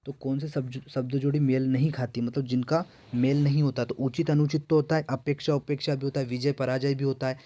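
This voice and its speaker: A man's voice: mid-range voice, flat delivery, fairly quick, few pauses, mellow. A male teacher going through exam questions, asking each one aloud and then answering it himself. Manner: repetitive, quizzing himself and answering. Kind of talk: exam-prep lesson.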